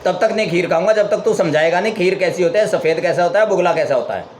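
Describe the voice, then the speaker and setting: A man doing a stubborn shouting blind man. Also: high-pitched, quick pace, a little hiss or hum, close to an everyday voice. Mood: insistent. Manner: insistent, shouting questions. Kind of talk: storytelling parable.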